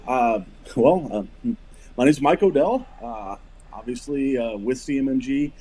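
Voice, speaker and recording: A man in his forties from Missouri, a podcast guest talking in halting casual chat with many restarts. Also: medium pitch, dark tone, slight background noise. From Missouri, USA. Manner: hesitant, many fillers and restarts. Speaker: podcast guest, firearms company rep.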